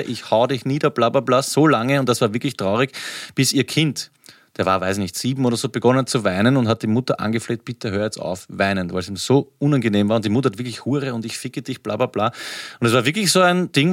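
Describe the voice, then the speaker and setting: A young man with a Viennese German accent chats casually, spinning everyday anecdotes with crude words and quick asides. His voice sits in a middle range. The sound is close and dry. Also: medium pitch, no echo. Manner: storytelling, swearing, animated retelling. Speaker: podcast co-host. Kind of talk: casual chat.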